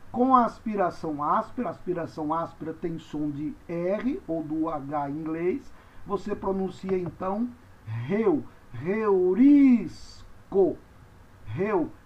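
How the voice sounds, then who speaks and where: A Greek teacher with a fairly high voice gives a classroom language lesson at a moderate pace, his intonation lively. He patiently spells out letters and repeats every word. The lo-fi recording sounds dull.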